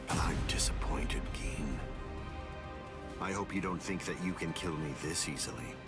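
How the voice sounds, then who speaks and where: An actor playing a calm, arrogant male mastermind who speaks in a cool, measured, condescending tone in a video game cutscene. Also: very deep voice, vocal fry, heavily acted. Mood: cold disdain. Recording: game audio with loud music. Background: loud music.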